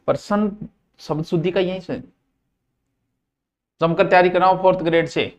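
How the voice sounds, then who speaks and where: A middle-aged man teaches a grammar class, drilling each word by repeating it over and over and scolding students playfully. His voice sits high with fairly even intonation and a moderate pace, and the sound is lo-fi.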